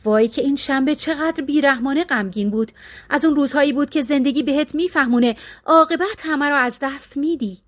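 A woman reading a novel as an audiobook narrator, in a steady, measured manner. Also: sits high. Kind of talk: scripted narration.

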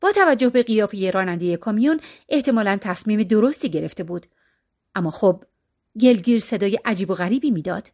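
A woman narrating a story in a steady storytelling voice, shifting expressively from line to line. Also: medium pitch. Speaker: audiobook narrator.

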